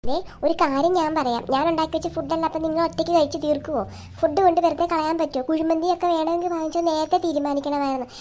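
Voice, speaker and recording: A child comedy sketch actor plays an irritable middle-aged mother who is always scolding, her voice high, quick and fairly even in intonation, yet natural. In short bits of a comic family skit, she nags her family in sharp, complaining tirades.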